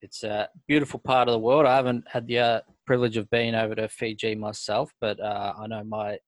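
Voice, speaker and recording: Laid-back Australian host, dry mic. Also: male voice, lowish voice, little pitch movement, a little fast, no echo. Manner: laid-back, says "mate" often. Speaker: podcast host. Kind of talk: casual podcast chat.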